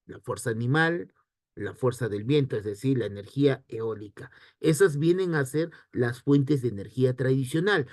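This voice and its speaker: A man teaching an online history lesson, asking himself questions and answering them in a lively way. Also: on the high side, dry recording, studio quality. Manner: lively, rhetorical questions to students.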